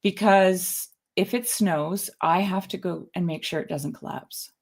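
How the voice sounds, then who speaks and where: Her voice lowish, husky, and a little mellow, with vocal fry and a slightly slow pace, this Canadian podcast co-host rambles through a personal story. The chat is casual, and she keeps restarting and laughing as she goes.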